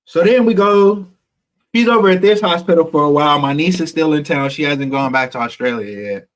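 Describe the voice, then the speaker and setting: Man, vlogger, slightly high voice, raw emotional storytelling, blunt profanity. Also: a little fast. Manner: emotional, candid, swears freely, addresses viewers as y'all. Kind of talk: personal storytelling vlog.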